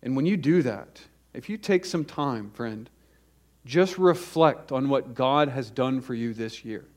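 A male pastor preaching a sermon at a pulpit microphone, slowing down to stress lists of words. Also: medium pitch, expressive.

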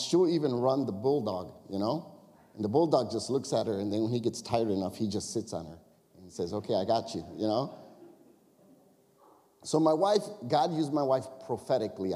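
Pastor from the Chicago area, mellow male voice, chatty confessional sermon style, long church-hall reverb. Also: mid-range voice. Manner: conversational storytelling with confessions and crowd asides. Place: church sanctuary.

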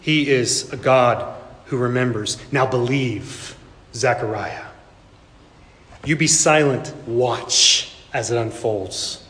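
A man's voice: mid-range voice, slow pace, fairly bright tone, voice pushed down. A man preaching, voicing a smirking, sarcastic male archangel who delivers a stern command. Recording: echoey hall with long reverb.

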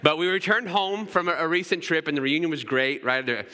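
A man's voice: a little high, brisk, bright, forceful tone. A man in his thirties preaching a sermon in a church, talking in a casual, conversational way and often checking in with "right?". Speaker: pastor. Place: church sanctuary. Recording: long hall reverb.

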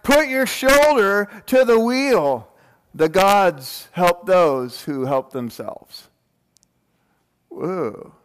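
Guy preaching casually in a big echoey hall, smooth clean voice, jokey, keeps checking in with the crowd. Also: fairly high pitch. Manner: informal, joking, with rhetorical check-in questions. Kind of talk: casual sermon to a congregation. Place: large room, speaking to a congregation. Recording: long hall reverb.

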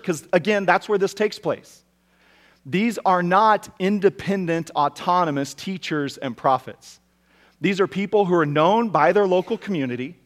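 A man preaching a sermon as pastor, talking conversationally with bits of humor and frequent restarts. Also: high voice.

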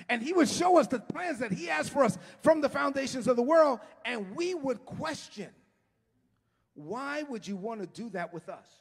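A middle-aged man preaching an impassioned sermon as a pastor, often shouting and stretching his words, recorded in a church sanctuary. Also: very high voice, gravelly. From United States. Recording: long hall reverb.

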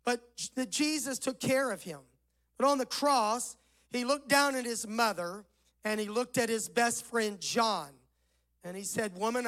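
A man delivers a sermon from the pulpit, his voice rough and hollow-sounding, as though he were speaking from inside a barrel. He preaches in a measured way and slows down when he reads scripture aloud. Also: very high voice, fairly bright tone, poor audio. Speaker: pastor. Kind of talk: Mother's Day sermon.

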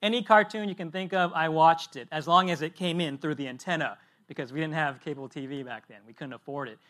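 A male pastor in his thirties preaches a sermon like a friendly chat, telling stories with lively energy. His voice sits high for a man. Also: brisk. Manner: lively, chatty storytelling.

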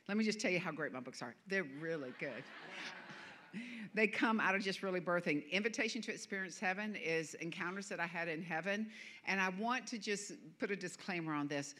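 Standing in a church sanctuary as a guest minister, a Southern woman gives a sermon in her Southern accent. Her voice is on the low side and a bit bright. She's chatty and self-deprecating, laughing frequently.

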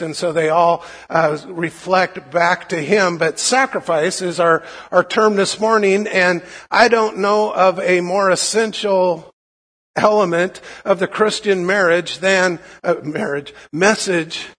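A man preaching a sermon as a pastor, with a gravelly, hoarse voice and a halting, informal delivery that often repeats words. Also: high-pitched, fairly even intonation, a bit bright. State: hoarse from being unwell. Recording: long hall reverb.

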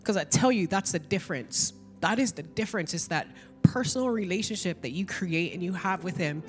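Middle-aged woman, lowish voice, tearful and rambling church testimony over soft music. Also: lively intonation, a little fast, in a large hall. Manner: emotional, chatty, lots of "like". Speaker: church member giving a testimony.

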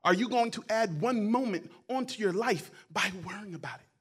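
A man preaching a sermon as a guest pastor, loud and emphatic in places and quiet in others, often repeating his words and phrases. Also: high-pitched, expressive, fairly quick, husky. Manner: preaching, swings between quiet asides and loud emphatic calls.

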